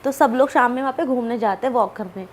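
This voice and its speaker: A woman telling a personal story as a podcast guest, chatty and animated, full of asides and fillers. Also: fairly high pitch, fast talker, slight background noise. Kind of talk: casual storytelling.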